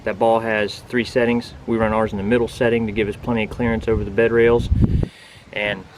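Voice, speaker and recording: Man, lowish voice, casual vlog explainer, plain-spoken, instructive, outdoors, noticeable wind and traffic noise. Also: level tone, a little fast, rough recording. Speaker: RV vlogger giving a product walkthrough. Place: outdoors beside a pickup truck bed.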